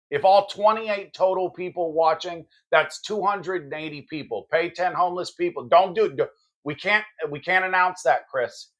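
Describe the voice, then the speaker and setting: A man with a slightly high voice hosts a political podcast. He delivers his commentary emphatically, with a combative edge. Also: fairly bright tone. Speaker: podcast host.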